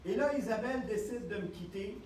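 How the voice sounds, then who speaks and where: A man with a Quebec French accent giving a lively seminar talk and checking in with the audience again and again. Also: high voice, a little fast, a little hiss or hum. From Canada. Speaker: health speaker. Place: lecture room with audience. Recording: echoey room, distant mic, faint ambience.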